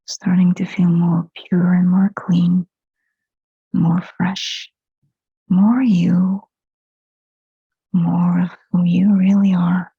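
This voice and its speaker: A hypnotherapist guides a meditation in a very breathy whisper, extremely slow and gentle, with little pitch movement and long pauses between short soothing phrases. The recording is close and dry with no echo, but dull and muffled, lo-fi.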